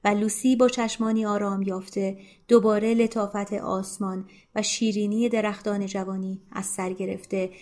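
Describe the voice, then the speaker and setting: A woman narrating a literary novel as an audiobook, in a soft, hushed manner that sinks to near whispers. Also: medium pitch, level tone.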